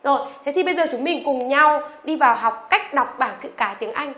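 A woman teaching an online beginners' lesson, asking the class questions and reading each letter slowly for them to repeat. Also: high voice, expressive, a bit bright, reverberant. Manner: asks the class rhetorical questions; reads letters aloud slowly for repetition. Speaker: English teacher.

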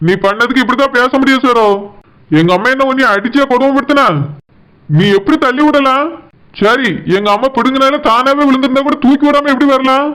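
Someone doing a scolding young village husband. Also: male voice, very high-pitched, fairly quick, fairly bright tone, clean tone, poor audio. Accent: Tirunelveli Tamil. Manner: scolding, lecturing. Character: stern young village husband, devoted son. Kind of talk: cartoon voice acting.

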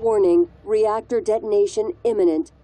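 Calm female station computer, voiced by a woman, even automated warnings, very dark mellow tone. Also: medium pitch, moderate pace, close to an everyday voice. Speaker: station alarm system.

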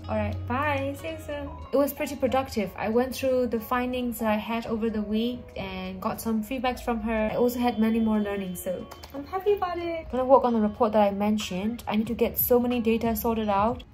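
A high-voiced lifestyle vlogger from Burma, in her 20s, chats casually to camera in a small, flat-sounding indoor room, calling her viewers "guys." She talks a little fast and a little mellow, hardly pausing, with background music running under her voice.

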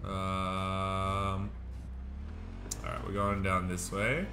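A young man chatting excitably while commentating his own gameplay, laughing often. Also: low voice, very slow, background noise. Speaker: gaming streamer.

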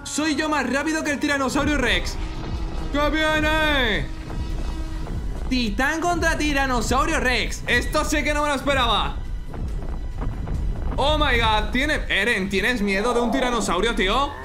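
A young man with an accent from Spain, giving excited, exclamatory reaction commentary as an anime fan. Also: very high-pitched, normal speed, over music. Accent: Spanish from Spain. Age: young adult. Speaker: reaction video host.

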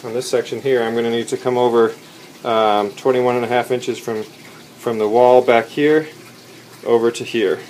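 A young DIY instructor gives a casual step-by-step how-to in an unfinished basement bathroom, explaining plainly with fillers and corrections. His medium-pitched, darkish voice stays fairly even and moves at a moderate pace. He films handheld and close on a camera mic, with slight background noise.

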